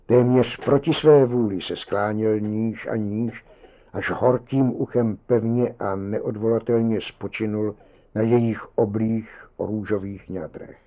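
A man narrating a story as an audiobook in a measured, dramatic way. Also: fairly low pitch, steady tone, warm tone, highs cut off. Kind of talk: audiobook reading.

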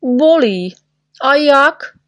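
A woman's voice: fairly high pitch, animated, no room sound, clean studio sound. A woman voicing a clumsy, boastful little male shorty who yelps and whines about pain. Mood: whining. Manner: whiny, yelping, scared of pain.

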